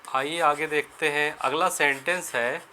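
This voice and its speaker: A man teaching English grammar in Hindi, explaining each sentence step by step and slowing down to spell out the English phrases. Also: fairly high pitch, fairly even intonation, pushed and bright, slight background noise. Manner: repeats and rephrases sentences, asks and answers his own questions. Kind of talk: Hindi-medium grammar lesson.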